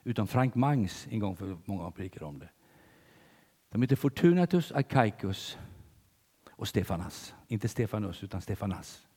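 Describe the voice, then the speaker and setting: An older man preaching a sermon in church, telling stories with big swings between loud and hushed delivery. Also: on the low side, expressive, slightly rough, long reverb tail.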